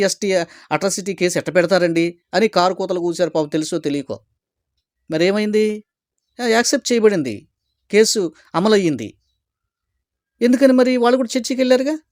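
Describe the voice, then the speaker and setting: A man, a pastor delivering an argumentative commentary in quick bursts of rhetorical questions. His voice sits fairly high, and the recording is dry and close with no room sound. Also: darkish tone, no echo. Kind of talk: opinion commentary to camera.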